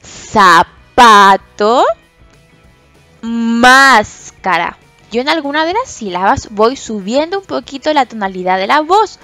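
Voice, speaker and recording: Patient woman teaching children, lively voice. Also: high-pitched, no room sound, soft background music. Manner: slow, patient, stresses syllables loudly and drawn out when giving example words. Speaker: special education teacher. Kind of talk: recorded lesson for children.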